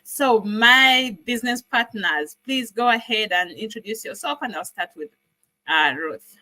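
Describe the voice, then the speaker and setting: A woman's voice: on the high side, unhurried, bright, forceful tone, no echo, poor audio. A woman, hosting an online business livestream in an upbeat, welcoming way. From Uganda. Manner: upbeat, welcoming, lots of thank-yous. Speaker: host.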